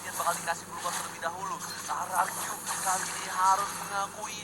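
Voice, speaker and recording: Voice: medium pitch, little pitch movement, fast, very noisy. An esports caster gives dramatic, exclamatory play-by-play in the manner of a fighting game announcer. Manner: dramatic, exclamatory, swinging into shouts on big plays. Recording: loud music and game sound behind.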